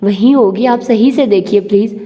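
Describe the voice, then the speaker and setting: A woman voicing a tart, affectionate young wife who is sharp-tongued yet soft. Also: on the high side, normal speed, close to an everyday voice. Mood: exasperated. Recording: long reverb.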